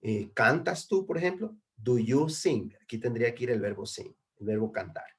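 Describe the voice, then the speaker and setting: A man's voice: mid-range voice, animated, normal speed, dark tone. Patient male teacher on a video call. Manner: patient, repeats and checks with "¿no?" and "¿verdad?". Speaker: English teacher. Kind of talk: online class explanation.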